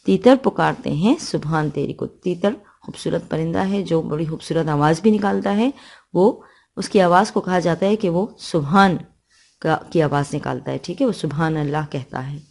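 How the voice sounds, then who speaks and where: A woman's voice: fairly low pitch, vocal fry, a little mellow. A woman teacher from Pakistan with a Pakistani accent, reciting verses of a poem and explaining them line by line in a school lesson.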